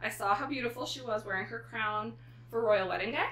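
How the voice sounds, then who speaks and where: Here the American vlog host sounds a little high and fairly bright, talking at a fairly quick clip. She chats informally and playfully, rambling in a casual way.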